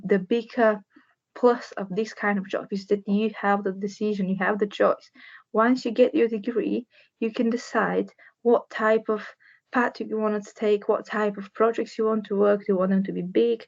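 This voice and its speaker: A woman's voice: mid-range voice, flat delivery, normal speed, creaky, darkish tone, highs cut off. A young woman from Bulgaria, a structural engineer, giving an earnest career talk to students, plain and searching for words at times.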